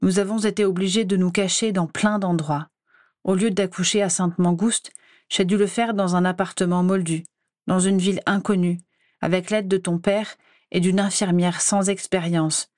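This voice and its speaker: Worried mother in a wizard storybook, soft and coaxing, slightly lifted pitch, dry close sound, read by a woman. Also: no echo, lightly acted. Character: anxious, protective mother of a teenage wizard. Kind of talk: audiobook character voice.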